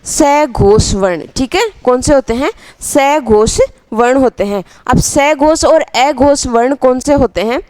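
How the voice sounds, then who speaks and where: In this grammar lesson, a woman quizzes the class and supplies the answers herself, slowly repeating phrases for dictation. She speaks at a high pitch with a slightly mellow quality, and no room sound comes through.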